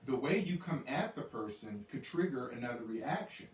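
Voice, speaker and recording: Man, measured and hesitant objector, far off-mic in a roomy space. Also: medium pitch, animated. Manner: hesitant, measured, pushes back with questions. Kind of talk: casual discussion. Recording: echoey room, far from mic, faint noise.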